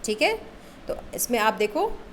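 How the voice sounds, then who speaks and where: Woman chemistry teacher, raised pitch, lecture style, keeps checking in with "okay". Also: big pitch swings, a little slow, slight background noise. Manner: poses questions and answers them herself; frequent "okay" check-ins, mixes in English terms. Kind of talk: classroom lecture.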